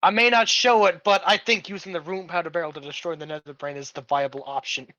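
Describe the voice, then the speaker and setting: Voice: medium pitch, fairly even intonation, quick pace, sharp tone, no echo, highs cut off. A game master running a casual online tabletop game, joking and laughing with the players.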